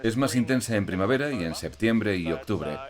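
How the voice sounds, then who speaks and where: A man's voice: lowish voice, expressive, a little fast. A man who heads a growers' cooperative, answering questions in a friendly, matter-of-fact way. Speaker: head of a fruit growers' cooperative. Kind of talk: interview answers. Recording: crowd chatter behind.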